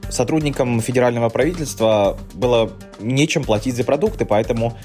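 A man's voice: medium pitch, fairly quick, a little mellow, faint music behind. A man delivering a news report as a correspondent.

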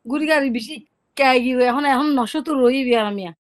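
Woman, native Rohingya speaker, interviewee, quick speech, slightly raised pitch, informal storytelling with repeated words. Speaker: interviewee recounting an eyewitness experience. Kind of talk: conversational spoken account.

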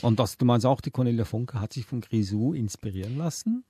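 A man's voice: mid-range voice, expressive, brisk, dark tone, breathy edge, dry recording, clean studio sound. A man hosting a podcast on children's books, introducing segments and chatting with his co-host. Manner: conversational, presenting.

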